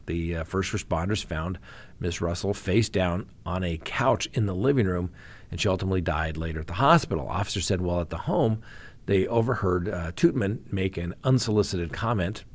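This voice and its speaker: A man who works as a criminal defense attorney, hosting a show where he reads crime news and adds wry, joking commentary. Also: sits low. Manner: wry, animated, reads news then jokes about it.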